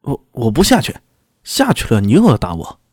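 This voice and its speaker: A man's voice: medium pitch, huge pitch swings, normal speed, a little mellow, breathy edge, no room sound, studio quality. A man voicing a stubborn, hot-headed young son who talks back in a raised voice. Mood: defiant. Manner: defiant, raised voice, talking back.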